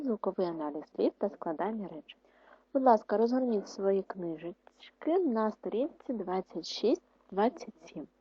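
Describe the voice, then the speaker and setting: A woman teaching an online lesson to second graders, reading words and sentences slowly and clearly, repeating each one for dictation. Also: mid-range voice, highs cut off. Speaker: primary school teacher.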